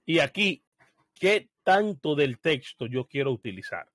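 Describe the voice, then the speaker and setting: This relaxed screen-share tutorial has a man, voice on the high side, demonstrating searches in Bible software. He explains as he goes, often lingering on fillers while he thinks out loud, and no room sound comes through.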